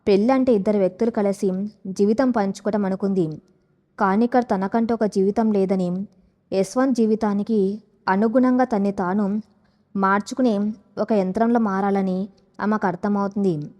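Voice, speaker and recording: Female storyteller, steady emotive narration of a drama. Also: medium pitch, moderate pace, long pauses. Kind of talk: scripted audio story narration.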